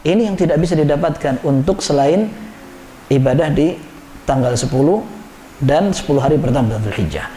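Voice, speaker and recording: High-voiced preacher. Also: male voice, brisk, a little hiss or hum. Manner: lively, acts out quoted villagers and chants. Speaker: ustadz giving a mosque lecture. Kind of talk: sermon. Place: mosque. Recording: echoey mosque room.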